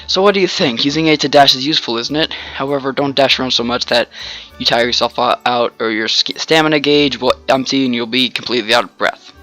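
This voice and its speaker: A man reading aloud a chatty tutorial guide from a video game who keeps cheerfully explaining the controls. The voice is bright and forceful, with faint music behind it. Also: mid-range voice, fast talker, lightly acted.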